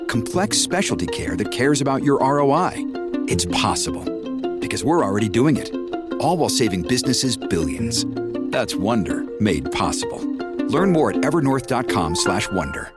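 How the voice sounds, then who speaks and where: Male commercial read, lively and emphatic, over strong guitar bed. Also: mid-range voice, moderate pace. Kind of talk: read advertisement. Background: guitar music.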